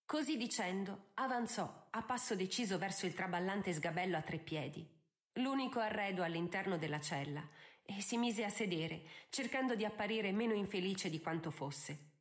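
A woman narrating a novel in an audiobook, measured and expressive. Her voice sits at a middle pitch. She moves through the scenes with clear, steady storytelling.

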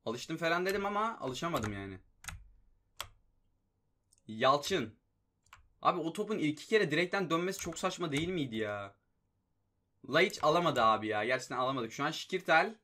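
Excitable young man commenting on gameplay. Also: a little high, normal speed, pauses often. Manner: excitable, frustrated outbursts at the game. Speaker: gaming YouTuber.

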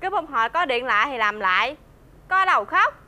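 Timid whiny young friend, very bright high voice. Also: female voice, very animated, a little fast, heavily acted. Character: timid, scared young companion. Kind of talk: web drama acting.

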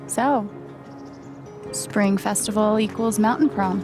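A woman's voice: mid-range voice, steady tone, takes it slowly, music in the background, close to an everyday voice. A woman playing a wry, sarcastic young woman. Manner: dry and sarcastic. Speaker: main character.

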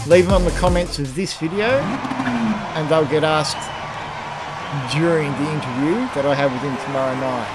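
Lisping man with loud music behind. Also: a little high, normal speed, vocal fry. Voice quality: lisp from new teeth. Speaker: sim racing video host. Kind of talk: casual gameplay commentary.

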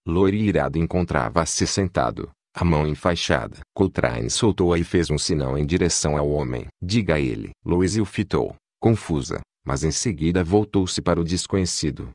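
Low-voiced guy reading an audiobook, calm and even, dead dry studio. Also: normal speed, hardly any pauses, no room sound. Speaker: audiobook narrator. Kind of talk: scripted narration.

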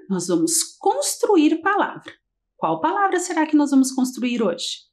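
Slow, sing-song woman teacher. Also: a little high. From Brazil. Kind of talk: early-grade literacy lesson on TV.

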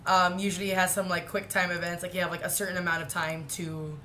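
A woman's voice: on the low side, flat delivery, fast, bright, forceful tone, slight background noise. A young woman co-hosting a game playthrough, chatting casually with many fillers and frequent giggles. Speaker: let's play co-host. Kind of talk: casual gaming chat.

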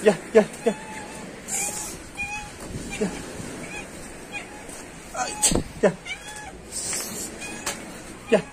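High-voiced man coaxing cats. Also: steady tone, drawn-out words, long pauses, darkish tone, slight background noise. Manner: coaxing and scolding animals, repeating words, calling pss. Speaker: hobby vlogger. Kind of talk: casual vlog while handling cats.

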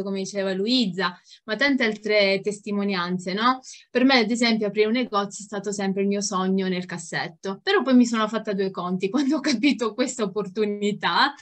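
A woman's voice: medium pitch, a bit bright. Sicilian accent woman chatting on a video call, giggly and upbeat, telling her own story. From Sicily, Italy. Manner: enthusiastic, giggly. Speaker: network marketing team member. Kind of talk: informal testimonial on a group call. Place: indoors at home, video call.

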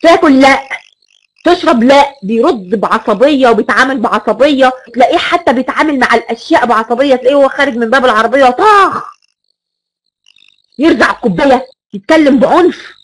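A woman's voice: sits high, quick pace, fairly bright tone, rough recording. Emphatic Egyptian woman lecturing. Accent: Egyptian Arabic. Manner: emphatic, repeats key words and rhetorical questions. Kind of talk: recorded online lecture.

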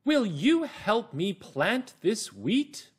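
A man voicing a determined, hard-working female hen from a storybook, with emphatic, carefully drawn-out words. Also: high-pitched, big pitch swings, slightly rough, voice pushed up, heavily acted. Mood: asking hopefully.

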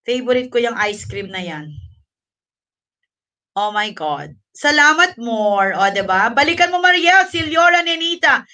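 A livestream host, a woman, chats breathlessly and thanks viewers in a casual stream, switching between Tagalog and English. Her medium-pitched voice is expressive and sharp, a little slow with frequent pauses, and she sits far from the mic.

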